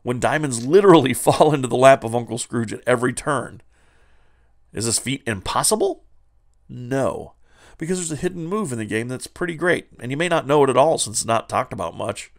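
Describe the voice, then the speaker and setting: A man hosts a comedic retro game review show in a playful, excitable way. He throws in slangy asides and over-the-top hype, speaking in a mid-range voice. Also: mid-range voice, brisk, creaky.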